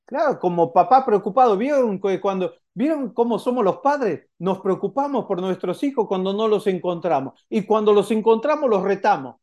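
A male pastor preaching a sermon in a conversational, halting way, often asking the congregation rhetorical questions. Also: high-pitched, lively intonation, a little mellow, dull audio. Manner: halting, with frequent restarts.

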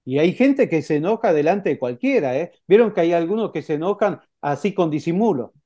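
A man preaching with a Rioplatense Spanish accent, his voice sitting a bit higher than most men's. The tone is mellow and dark rather than bright. He talks to the congregation conversationally and keeps checking in with a quick "eh?". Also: animated. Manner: conversational preaching with frequent "¿eh?" tags and acted quotes. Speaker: pastor. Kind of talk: sermon.

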